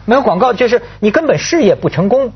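A husky man hosts a casual panel chat with very animated intonation. He rambles and circles back on his phrases, prodding with rhetorical questions. The recording is a little dull. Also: extremely high pitch, quick pace. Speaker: talk show host.

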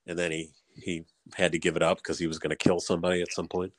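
A man's voice: deep voice, little pitch movement, fast, no echo. A man in casual chat, telling stories and laughing often. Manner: chatty storyteller, laughs often.

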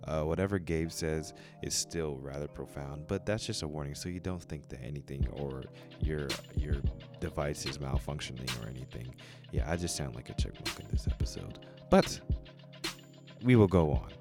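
A man's voice: a bass voice, moderate pace, music in the background. A man hosting a podcast, giving a casual, chatty introduction spoken straight to the listeners. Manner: chatty, direct address to listeners. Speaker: podcast host.

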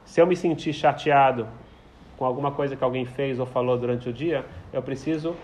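A man's voice: medium pitch, a little fast, a little mellow. A man teaching a prayer text to a small group, explaining and telling stories, often repeating his phrases. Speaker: Torah teacher. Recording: slightly dull, faint background noise.

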